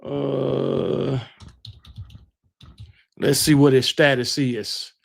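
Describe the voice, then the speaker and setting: Gravelly man hosting a late-night stream. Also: mid-range voice, very slow, no room sound, studio quality. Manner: relaxed, shout-outs, slangy banter. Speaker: livestream host. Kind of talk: casual late-night chat, reading viewer comments.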